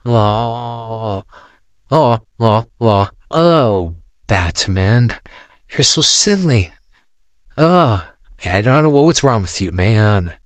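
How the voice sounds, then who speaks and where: A man's voice: on the low side, lively intonation, very slow, no echo. A man voicing the Joker, a giddy male clown villain, in a singsong, teasing way for a comedic sung parody. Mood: mocking.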